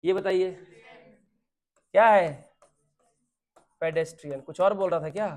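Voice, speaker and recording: A man's voice: high voice, fairly even intonation. A man teaching a vocabulary lesson in Hindi, mixing in English words, quizzing his students and often checking that they understand. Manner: mixes English terms into Hindi speech; spells words out slowly.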